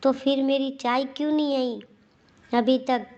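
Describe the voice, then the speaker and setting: A woman voicing a fussy, scolding older mother-in-law in a storybook tale, told in a slow, even voice. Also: high voice, highs cut off. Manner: nagging, complaining.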